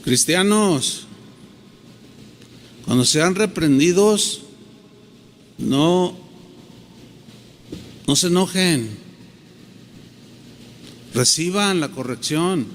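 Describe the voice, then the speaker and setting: A man's voice: sits high, in a large hall, a little hiss or hum. A middle-aged man preaching a sermon, acting out quoted dialogue as he tells a story. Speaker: pastor.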